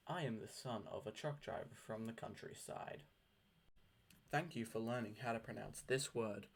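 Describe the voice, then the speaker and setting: Man giving slow, deliberate pronunciation tutorial. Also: lowish voice. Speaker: host of a pronunciation tutorial channel. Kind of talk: scripted pronunciation tutorial narration.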